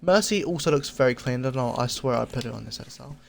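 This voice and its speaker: An easygoing man talks through a casual game cosmetics review at a middle pitch. He repeats his phrases and stops to fix his own slips. A faint hiss sits under the voice. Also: fast, creaky. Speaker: gaming channel host.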